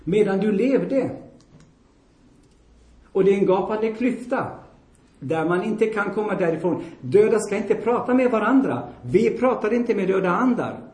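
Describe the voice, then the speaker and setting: A man's voice: high voice, animated, a little mellow. A man preaching a sermon bluntly and emphatically, repeating himself for stress and putting questions to the congregation. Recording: roomy echoing hall.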